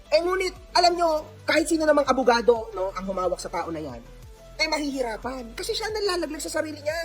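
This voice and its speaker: A man's voice: very high voice, very animated, fast talker, a bit bright, soft background music. A man with a Filipino accent talking in a casual commentary vlog, mixing in English phrases and laughing often. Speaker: vlogger.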